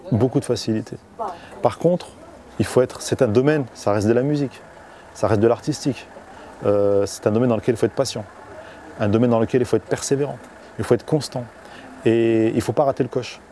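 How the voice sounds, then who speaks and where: A man who grew up in France, answering interview questions thoughtfully, pausing often with fillers. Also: mid-range voice, warm tone, slight background noise. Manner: hesitant, many fillers. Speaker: singer-songwriter guest.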